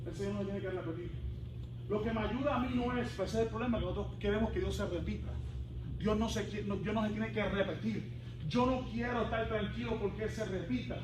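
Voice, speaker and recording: A man preaching with passion, swinging between loud calls and hushed lines, heard from a distance in a church. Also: high voice, a little fast. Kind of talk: bilingual sermon. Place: church sanctuary. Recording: roomy hall from a distance with background hum.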